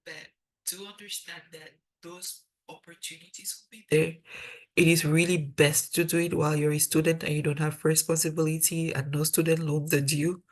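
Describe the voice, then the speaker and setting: Her voice is deep and level, moving at a moderate pace: a young Cameroonian woman with a Cameroonian accent, mentoring dental students in a video-call webinar. Earnestly, she repeats her main points to stress them.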